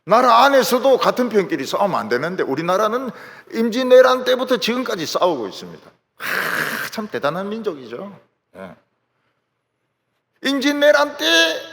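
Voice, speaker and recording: Male pastor, high lively voice, gravelly edge, long church reverb. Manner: animated storytelling, acting out quotes. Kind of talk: sermon. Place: large church sanctuary.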